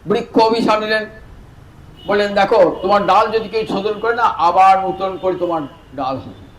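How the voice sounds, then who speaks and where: High-voiced man telling a scripture tale. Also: slight background noise, poor audio. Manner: animated storyteller who addresses listeners directly; swings from soft, slow phrasing to louder, emphatic bursts. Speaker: Vaishnava preacher. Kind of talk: devotional scripture storytelling sermon.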